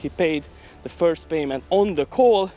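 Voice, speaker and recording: A man's voice: on the high side, expressive, unhurried, warm tone. A man talking casually to camera in a vlog while walking outdoors, in an upbeat, salesy, chatty way. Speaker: vlogger.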